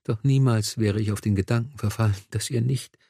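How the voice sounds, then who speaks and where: A man's voice: on the low side, fairly even intonation, a little fast, gravelly, warm tone, husky, dry recording, clean studio sound. A man voicing a weak, feverish noblewoman who pleads in a breathless whisper, in an audiobook. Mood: tender. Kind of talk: audiobook dialogue.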